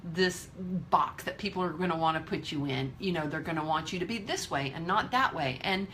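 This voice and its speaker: A woman's voice: deep voice, animated, fairly quick, a bit bright, slight background noise. A woman in her fifties giving a candid, emphatic motivational talk to her viewers, swearing freely. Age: 50s. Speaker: vlogger.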